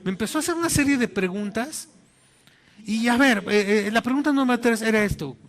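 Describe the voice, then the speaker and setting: A man with a Mexican accent, a pastor preaching a sermon and telling a personal story in an animated way, acting out the voices in it. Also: very high-pitched, fairly quick. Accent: Mexican Spanish.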